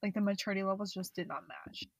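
A young woman talks casually as a podcast conversation partner. Her voice is husky and breathy, of average pitch, and the sound is close and dry. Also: fast, no room sound. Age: young adult. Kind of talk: casual chat.

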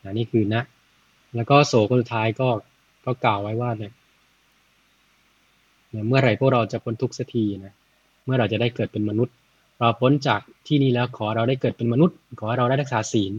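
A man retelling a Buddhist story in a casual, chatty way, often adding soft tag words and working out sums aloud. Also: medium pitch, breathy edge, no echo, lo-fi sound. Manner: chatty, frequent "na" tags, thinks aloud with math.

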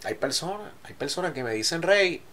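A man co-hosting a podcast in a casual, playful chat, animated and quick to joke. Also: fairly high pitch, a little hiss or hum. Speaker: podcast co-host.

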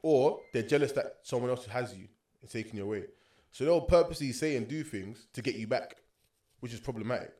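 A man's voice: medium pitch, expressive, brisk, mellow. A young man with a London roadman accent chatting casually as a podcast co-host, slangy and opinionated. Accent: London, urban roadman slang. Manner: slangy, opinionated, frequent tag questions like a street talker. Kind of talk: casual chat.

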